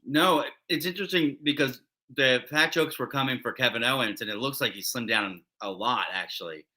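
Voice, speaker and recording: Man, co-host, casual podcast chat, rambling, fillers and restarts, very bright tone. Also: medium pitch, normal speed. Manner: rambling, many fillers and restarts, laughs often. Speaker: co-host of a wrestling recap show.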